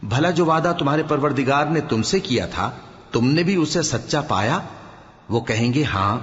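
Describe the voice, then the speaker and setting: Man, scripture reader, measured solemn delivery, mid-pitched, echoey hall. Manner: measured, solemn, falls low at verse ends. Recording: reverberant, dull lo-fi hall recording.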